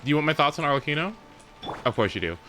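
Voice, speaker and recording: Racing along in a pushed, bright voice that is a little high and very animated, a young adult streamer rambles and swears freely while casually chatting during a gameplay livestream. A little hiss or hum sits in the audio.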